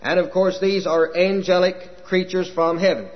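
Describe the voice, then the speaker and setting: A man's voice: high-pitched, fairly even intonation. Folksy preacher man, old echoey tape. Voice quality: folksy, halting with many uh fillers. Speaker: chaplain preacher. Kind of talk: sermon. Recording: dull lo-fi old recording with long reverb.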